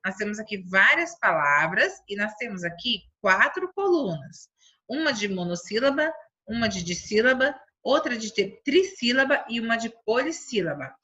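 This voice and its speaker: A Brazilian woman teaching young children from home, speaking slowly and stretching each syllable. Her voice sits fairly high, bright and a little husky. The recording is dull and lo-fi. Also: sing-song. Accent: Brazilian Portuguese. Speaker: primary school teacher. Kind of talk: remote lesson for children.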